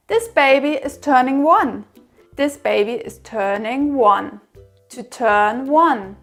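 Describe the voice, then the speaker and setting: A woman presenting to toddlers as if reading to a small child, sing-song and encouraging, asking exaggerated questions and repeating words for them to copy. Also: sits high. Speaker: presenter of a toddler learning show.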